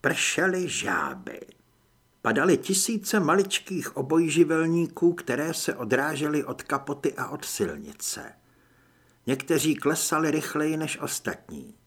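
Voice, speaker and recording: A man reading first-person audiobook narration in an expressive way. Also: a little high, slightly rough.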